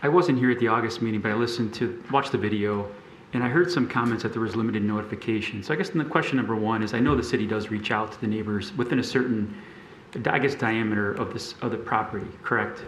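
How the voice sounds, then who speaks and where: A man's voice: fairly low pitch, a bit bright, slight background noise. Thoughtful man in a roomy chamber. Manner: thoughtful, halting, with restarts. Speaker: zoning board member. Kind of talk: board discussion at a city meeting.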